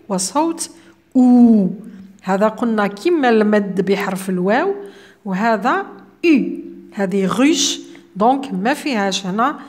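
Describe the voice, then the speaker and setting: Algerian-accented woman teacher, slow careful French pronunciation, mid-high voice, close mic voice-over. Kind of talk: explaining a French workbook lesson for children.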